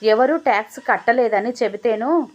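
A woman's voice: a little high, moderate pace, muffled recording, natural voice. A woman voicing a scheming widowed mother-in-law who talks in a wheedling, evasive way.

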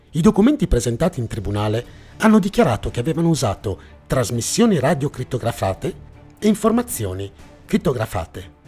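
The narrator, who also hosts this mystery series, reads a scripted documentary with suspense and drama over background music. His medium-pitched voice is a little mellow with a breathy edge.

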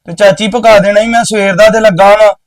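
A man's voice: high-pitched, steady tone, fairly quick, recorded from a distance, a crowd in the background. A man playing a nephew and farmhand who pleads with his aunt for food after working since morning. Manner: pleading, hungry. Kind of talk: village short film acting.

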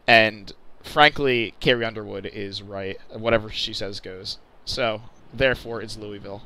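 A man's voice: lowish voice, measured pace, bright, forceful tone, slight background noise. A man giving casual, chatty commentary over flight-sim gameplay, stumbling and correcting himself with jokey asides. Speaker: channel host.

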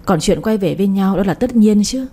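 A woman voicing a devoted young man who speaks gently but possessively to the woman he loves. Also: mid-range voice, expressive, brisk, husky. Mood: tender, firm.

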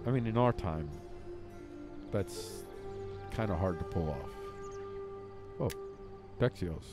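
A man hosting a let's play, giving casual commentary on his strategy game with theatrical mock grief and loud outbursts. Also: low voice, animated, slow pace, over music.

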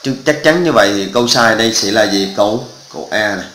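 A man's voice: lowish voice, quick pace, a bit bright, reverberant, a little hiss or hum, poor audio. A male math teacher, walking through exam answers step by step and often checking that students follow. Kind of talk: exam walkthrough lesson.

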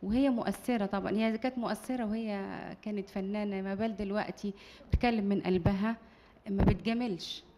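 A woman's voice: mid-range voice, steady tone, quick pace, dark tone. A woman with an Egyptian accent, a talk show guest, speaking earnestly and with admiration in casual chat.

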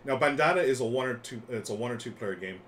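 On his board game live stream, a middle-aged man talks fast with a medium pitch, enthusiastically and casually explaining games. He sits in a small room lined with board games, with clear steady background noise.

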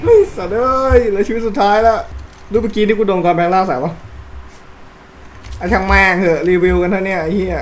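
A man giving loud, excitable gameplay commentary, swearing constantly and yelping as he plays. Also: high voice, fast talker, pauses often. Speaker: gaming YouTuber. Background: game music.

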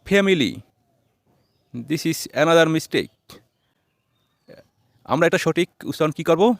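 A man's voice: a little high, expressive, takes it slowly, dry recording, clean studio sound. A man teaching English pronunciation, quizzing a helper and repeating each word twice. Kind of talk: classroom-style pronunciation lesson.

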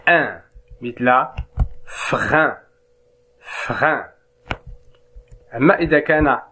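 Slow, deliberate male French teacher. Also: medium pitch, fairly bright tone. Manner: spells out syllables slowly and repeats them. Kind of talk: slow reading lesson.

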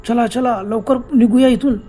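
A man's voice: very high-pitched, fairly even intonation, moderate pace, voice pushed up. A man voicing a scared young man who urgently calls his friends to run. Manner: shouting urgently.

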